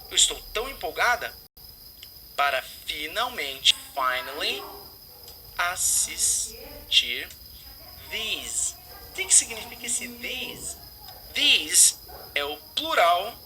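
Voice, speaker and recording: A man's voice: high voice, a little hiss or hum, rough recording. A man teaching English, explaining phrases and drilling pronunciation by repeating words.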